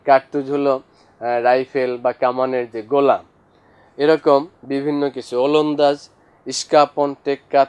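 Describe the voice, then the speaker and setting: A man's voice: medium pitch, a little mellow, smooth. A male teacher giving a classroom lesson, speaking to students directly and listing examples one after another. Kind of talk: classroom lesson explaining vocabulary.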